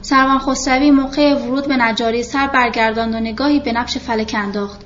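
A woman calmly reading a novel aloud as the narrator of an audiobook. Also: a little high, lo-fi sound, a little hiss or hum.

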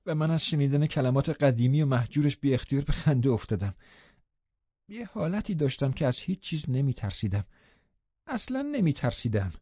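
A man's voice: medium pitch, mellow, husky, no room sound, lo-fi sound. A man narrating a classic novel in first person as an audiobook, reading expressively and dramatically.

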